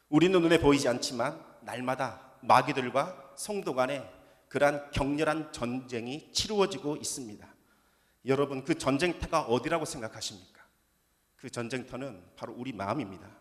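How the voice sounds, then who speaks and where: A man in his thirties preaching a sermon as a pastor, telling his own story with earnest, slow, emphatic pauses. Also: mid-range voice, a bit bright. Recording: long hall reverb.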